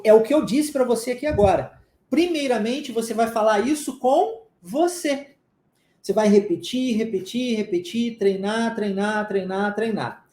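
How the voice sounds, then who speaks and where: A Brazilian English teacher leads a live lesson, drilling phrases over and over and often pausing to ask whether it is clear. The voice is mellow and warm. It rings in an echoey room. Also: mid-range voice. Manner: drills by repetition, checks understanding often.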